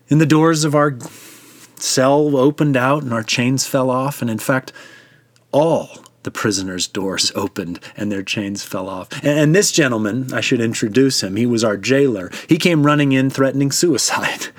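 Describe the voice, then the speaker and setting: A man's voice: mid-range voice, dry recording, close to an everyday voice. A man voicing the apostles Paul and Silas, cheerfully recounting their imprisonment with laughs.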